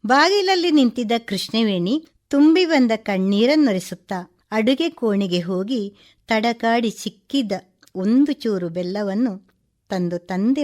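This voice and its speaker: A woman storyteller reading a short story for radio. Her delivery is measured and expressive. She moves steadily through the narration at a middle pitch.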